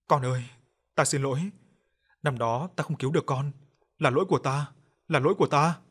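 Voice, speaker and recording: A man's voice: mid-range voice, brisk, a bit bright, husky. A man voicing a remorseful older man who speaks in a choked, tearful voice, in an audio story.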